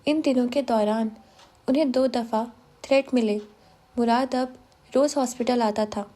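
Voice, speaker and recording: Woman, audiobook narrator, high voice, mellow tone, steady measured reading. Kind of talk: novel reading.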